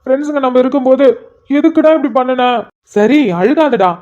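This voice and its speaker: A cartoon figure of a soft-hearted young man, voiced by a woman, emotional and sniffly with a very high voice. The audio is a little muffled and lo-fi. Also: a little fast, natural voice. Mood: tearful. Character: tearful sentimental young man meeting an old friend. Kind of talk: cartoon voice acting.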